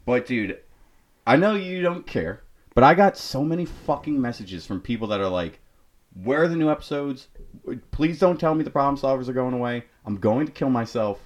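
A man's voice: medium pitch, expressive, moderate pace. A man hosting a podcast in casual chat, jokey and swearing freely, often breaking into laughter. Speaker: podcast host.

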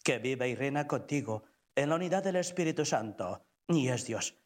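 A man's voice: medium pitch, lively intonation, normal speed. A man speaking as a priest, presiding over Mass with liturgical address and prayer.

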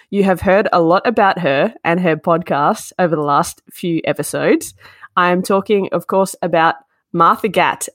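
A woman's voice: fairly low pitch, no room sound, clean studio sound. A woman in her twenties with an Australian accent, hosting a podcast in a casual, effusive, informal way. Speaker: podcast host. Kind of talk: casual chatty interviewing.

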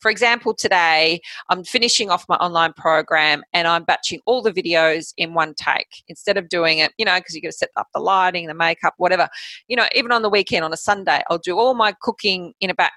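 A woman in a casual interview, talking about her coaching business in a brisk, practical way and laughing easily. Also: lowish voice, sharp tone, no echo, rough recording. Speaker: guest, health coach.

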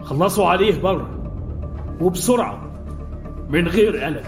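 A cold mercenary major barks calm orders. His voice sits high and rings in a roomy echo. Strong music swells under him in this radio-style story. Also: moderate pace. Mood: menacing. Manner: calm, commanding, menacing.

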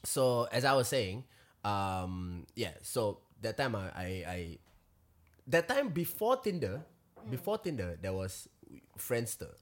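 Singlish-speaking Singaporean man, very animated. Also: on the low side, takes it slowly. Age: 30s. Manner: colloquial Singlish with particles like lah and ah. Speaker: podcast host. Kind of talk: casual joking podcast chat.

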